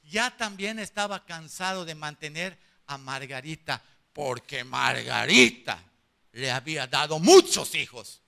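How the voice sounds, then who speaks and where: A man with a Mexican accent, a pastor giving a sermon, telling lively, humorous stories and acting out the dialogue of the people in them. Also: on the high side, unhurried, gravelly. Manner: animated, acts out dialogue of the people in his stories.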